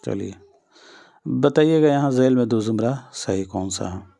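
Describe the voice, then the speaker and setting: A man's voice: mid-range voice, expressive, creaky, warm tone. A male teacher giving an exam-prep lesson, patiently repeating each answer and speaking straight to his students.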